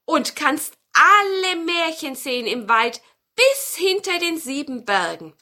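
A good old forest witch from a fairy tale in a piercing, very high squeal. She begs and gushes, her voice leaping all over and pressing loudly forward. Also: sing-song, slow, exaggerated voice. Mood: eager. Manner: squealing, urgent and pleading.

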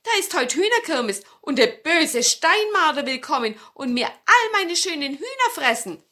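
A woman voicing a kindly old grandmother in a fairy tale, speaking high and earnest. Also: big pitch swings, moderate pace, bright, forceful tone, heavily acted.

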